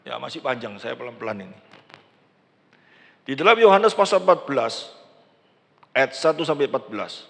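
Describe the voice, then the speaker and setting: An older man preaching a sermon in a large church, acting out quoted prayers with animated delivery. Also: mid-range voice, normal speed, vocal fry, long pauses. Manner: animated preaching, acts out quoted prayers, mixes in Javanese words. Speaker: pastor. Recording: church sound system with long hall reverb.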